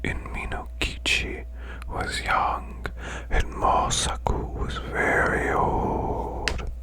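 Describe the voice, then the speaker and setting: In an ASMR bedtime tale, a performer voices a male demon boss using a hushed, breathy, growling whisper. The delivery is slow and deliberate, and the mood is hushed and eerie.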